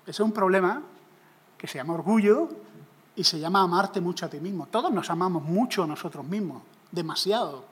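A man preaching a humorous sermon, jokey and animated, acting out little scenes. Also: high-pitched, a little fast, breathy edge, big-room sound.

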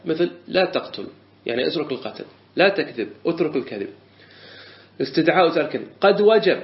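Echoey lo-fi male lesson voice. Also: on the high side. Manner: explanatory, repeats phrases, asks and answers his own questions. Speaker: teacher of Islamic jurisprudence. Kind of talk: classroom lesson explaining a text. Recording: echoey lo-fi room recording.

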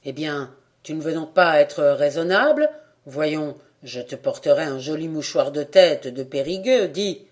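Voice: medium pitch, expressive, unhurried, lightly acted. An audiobook reader voicing a greedy, scheming steward who mutters wheedling offers and threats. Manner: wheedling then menacing mutter.

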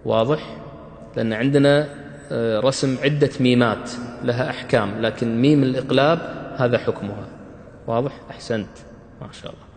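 Guy teaching tajweed in a big echoey hall, quick questions, lots of praise. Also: mid-range voice, darkish tone. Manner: quizzing students with short questions, praising answers. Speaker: Quran recitation teacher.

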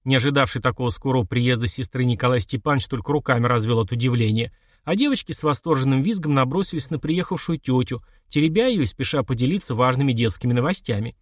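A man reading an audiobook as narrator, expressive storytelling. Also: medium pitch, quick pace, dry recording, studio quality. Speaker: audiobook reader. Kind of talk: scripted narration.

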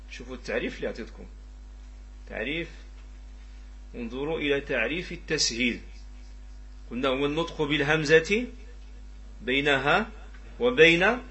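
A man with a Moroccan Arabic accent teaching a tajweed lesson, asking the students questions and repeating pronunciation examples in a drawn-out way. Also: a little high, bright, forceful tone. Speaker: Quran recitation teacher.

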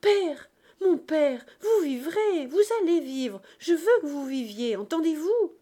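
Woman reading young woman, loving, eager, raised pitch, slow-paced, mellow. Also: animated. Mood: pleading. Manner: bright, pleading, raised voice.

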